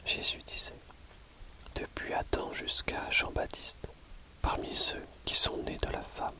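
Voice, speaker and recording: ASMR audiobook reader: library whisper throughout, very slow, measured phrasing. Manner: measured, pausing between short phrases.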